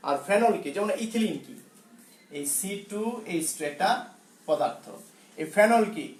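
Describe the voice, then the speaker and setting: A high-pitched, animated male school teacher with a Bangladeshi Bengali accent delivers a science lesson, slowly going over key terms again and again. Fillers and self-corrections fill his frequent pauses, and the reverberant recording is rough.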